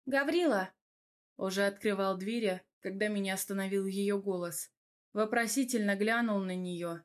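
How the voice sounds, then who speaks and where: A woman narrating a first-person audiobook in a steady, even manner. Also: medium pitch, normal speed. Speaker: audiobook reader.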